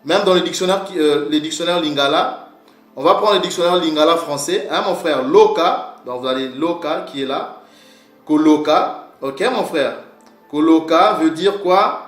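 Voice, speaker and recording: A man's voice: on the high side, normal speed, echoey room, soft background music. A man giving an informal lesson, often asking a question and answering it himself, and calling the listener "my brother". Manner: repeats "mon frère", asks and answers his own questions. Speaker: teacher of word origins.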